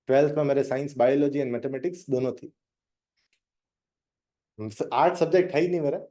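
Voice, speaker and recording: A young man with a mid-range, dark-toned voice leads a live online drawing lesson. He's chatty, talks straight to his students, and cracks jokes while walking them through each step.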